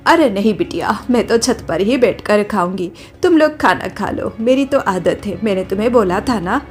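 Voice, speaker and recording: A woman voicing a kind, modest elderly mother-in-law in a cartoon story, talking softly. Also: mid-range voice, expressive, normal speed, faint music behind, close to an everyday voice. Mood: gentle.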